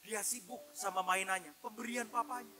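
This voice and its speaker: High, bright-voiced pastor preaching. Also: male voice, moderate pace, soft background music. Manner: animated, addresses listeners as "Pak" and "saudara"; acts out his son's and God's voices. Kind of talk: sermon.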